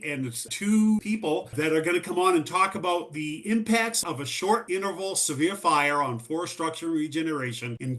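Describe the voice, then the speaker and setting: A man hosting a science podcast interview, upbeat and welcoming, slowing down to stress key words. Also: a little high, bright, forceful tone. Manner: upbeat, welcoming, slows for emphasis. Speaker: podcast host and journal editor.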